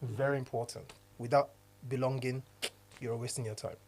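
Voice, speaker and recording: With a medium pitch, fairly even intonation and a moderate, slightly mellow delivery, this podcast co-host from Nigeria chats casually. He's a diversity consultant who talks earnestly and frequently restarts what he's saying.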